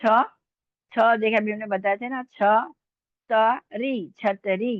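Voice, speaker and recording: A woman's voice: on the high side, fairly even intonation, slow, dry recording. A woman teaching an Urdu lesson online, patiently sounding out letters and checking that her students follow. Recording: tinny phone-like dry sound.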